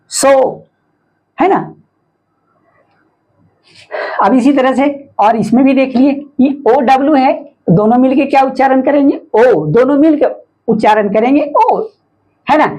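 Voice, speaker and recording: Husky-voiced woman teaching phonics patiently. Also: sits high, a little mellow, poor audio. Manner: patient, repetitive explaining with frequent "है ना" checks; sounds out words slowly letter by letter. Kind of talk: phonics lesson explaining syllables.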